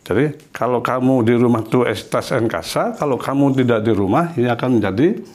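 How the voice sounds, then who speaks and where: A man teaches a language class, speaking patiently and going over every example more than once. His voice sits at an ordinary middle pitch, and he explains step by step at a whiteboard. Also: a little mellow. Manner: patient, explains slowly with repetition. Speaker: Spanish teacher.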